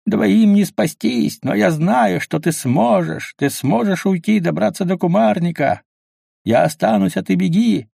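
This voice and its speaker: A man's voice: high voice, measured pace, creaky, dark tone, husky, no echo, studio quality, voice pushed up, full character voice. A man voicing a cowardly, scheming male fisherman who plays the hero in raised, pleading tones. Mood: falsely noble.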